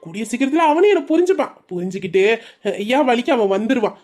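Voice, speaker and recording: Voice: mid-range voice, big pitch swings, quick pace, darkish tone. A performer voicing a stern, thrifty middle-aged father and shop owner who lectures and justifies himself to his wife. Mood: justifying. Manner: lecturing, self-justifying, persuasive. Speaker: father Sellamuthu. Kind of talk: audio drama acting.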